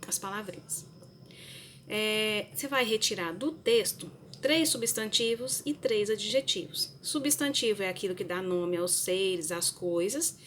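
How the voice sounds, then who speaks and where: A woman talks kids through their homework in a recorded lesson, slow and patient, checking in with "né" and "tá". Her voice sits at a middle pitch. A clear hiss of background noise runs under the recording. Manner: patient, explaining step by step with many "né" and "tá". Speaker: primary school teacher. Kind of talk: recorded remote lesson for children.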